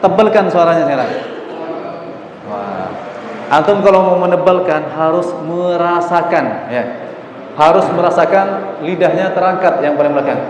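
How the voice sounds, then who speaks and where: A man's voice: on the high side, animated, normal speed, long pauses, a crowd in the background. A man teaching Quran recitation, patiently coaxing students through pronunciation drills and demonstrating the sounds himself. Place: mosque hall. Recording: echoey mosque hall, faint ambience.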